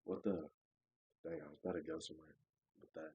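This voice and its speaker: A man's voice: very deep voice, fast talker, breathy edge, no echo, highs cut off. A young man hosting a casual podcast, telling stories with lots of swearing, acted-out quotes and laughter. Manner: animated storyteller, acts out quotes, swears, laughs often. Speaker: podcast host. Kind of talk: casual chat.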